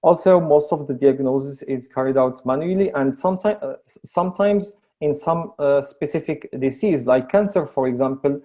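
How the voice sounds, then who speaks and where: A man from Morocco with a North African accent giving a webinar presentation in halting, hesitant English, often repeating words. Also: on the high side, mellow. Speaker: AI researcher and lecturer presenting projects.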